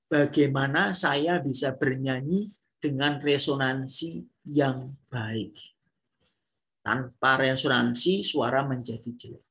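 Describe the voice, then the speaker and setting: A man's voice: a little high, vocal fry, a bit bright. A man giving a classroom lecture on singing, explaining step by step and posing rhetorical questions to his students. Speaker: music lecturer.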